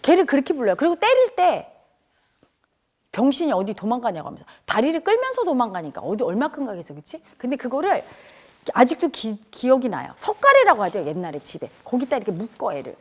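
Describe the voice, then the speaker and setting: A woman's voice: on the high side, huge pitch swings, a little fast. A middle-aged woman earnestly telling a painful childhood memory to an audience, her voice turning tearful at times. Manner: tearful and earnest, rising to cries when reliving events. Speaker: speaker at a spiritual community talk. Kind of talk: emotional personal storytelling.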